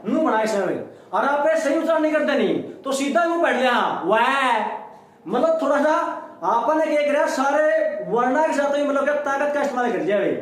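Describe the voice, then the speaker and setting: Male teacher, very high voice, strongly echoing classroom, quizzes himself aloud. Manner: repeating sounds, asking and answering his own questions. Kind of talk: classroom lecture. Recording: very echoey room.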